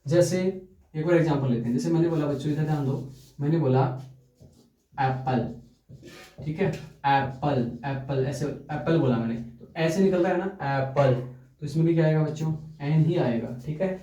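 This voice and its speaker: A man teaching a grammar lesson in a classroom style, quizzing his students and then answering his own questions. His voice is mellow and sits a little high for a man. It sounds roomy and set back from the mic. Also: brisk, distant mic, dull audio. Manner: repeats questions to students and answers them himself. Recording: echoey room, voice from off the mic.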